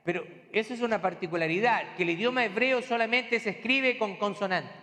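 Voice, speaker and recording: A man's voice: high-pitched, brisk, pushed and bright, long reverb tail. A man preaching a sermon as pastor, explaining in a teaching tone with rhetorical questions and homely asides.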